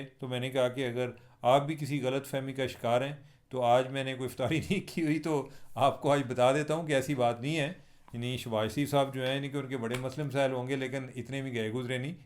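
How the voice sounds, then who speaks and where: On his own channel, a journalist from Pakistan delivers casual, wry vlog commentary to his viewers in a chatty manner. His voice is mid-range with a darkish tone, and his Pakistani Urdu accent has hints of Punjabi.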